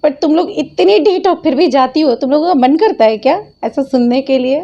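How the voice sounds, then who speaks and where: A high-pitched woman hosts her channel and scolds, tuts and mocks the people she reacts to, breaking into laughter often. Her voice is mellow and dark in tone despite its height, and the recording sounds dull and lo-fi. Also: normal speed, creaky. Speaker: channel host. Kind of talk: mocking reaction commentary.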